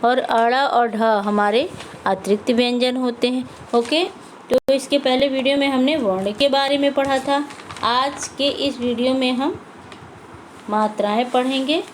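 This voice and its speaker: A woman with a fairly high voice teaches a lesson to young children. She goes slowly and patiently, repeats each word and asks and answers her own questions. A faint hiss sits under the recording. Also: steady tone, poor audio. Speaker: primary school Hindi teacher.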